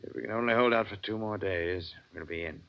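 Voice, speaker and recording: An actor playing a weary, fatherly older ship's captain in an old radio drama, calm and reassuring. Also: low-pitched, fairly quick. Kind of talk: 1950s radio drama acting. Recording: dull old radio recording.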